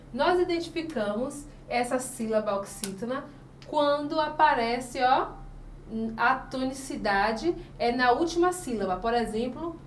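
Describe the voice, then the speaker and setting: A Brazilian woman teaches a children's review lesson in a high, bright voice. She sounds out example words slowly and answers the questions she asks. She is some way from the mic in an echoey room, with faint background noise. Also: recorded from a distance. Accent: Brazilian Portuguese. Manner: slow, emphatic spelling out of example words.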